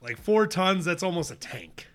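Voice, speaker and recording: A man's voice: high voice, lively intonation, moderate pace, a bit bright. A young adult man co-hosting a casual podcast, reading his notes and riffing with laughs. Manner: laughing, loose, reads notes then riffs. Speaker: podcast co-host presenting research. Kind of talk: casual chat.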